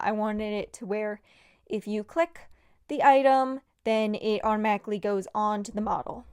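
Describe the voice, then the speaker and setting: A young woman talks through her hobby game project in an unhurried, rambling way, full of fillers and self-deprecating asides. Her voice has a smooth, clear tone with a valley girl lilt. The recording is dry and close, with no room sound. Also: a little high, dry recording. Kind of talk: casual devlog narration.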